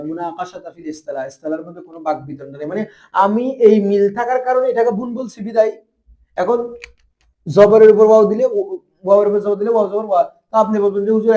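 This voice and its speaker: Fast, high-voiced man teaching a class. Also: darkish tone. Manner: quizzing students with constant rhetorical questions. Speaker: madrasa teacher. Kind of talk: classroom Arabic grammar lesson.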